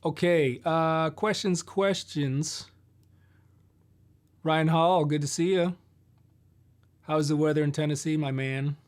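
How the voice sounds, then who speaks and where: A man's voice: on the high side, takes it slowly, long pauses, clear, resonant tone. A middle-aged man hosting a live guitar Q&A stream from his home studio, chatting loosely through viewer questions with fillers and detours. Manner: relaxed, rambling, answers viewer questions with fillers. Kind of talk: casual live-stream chat.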